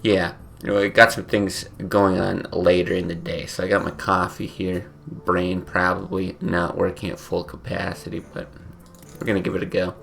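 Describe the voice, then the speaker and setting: A man's voice: low-pitched, flat delivery, normal speed, gravelly, fairly bright tone, a little hiss or hum. A sleepy man with his morning voice, casually thinking aloud while playing a card game, with many fillers. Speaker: game streamer. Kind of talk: casual gameplay commentary.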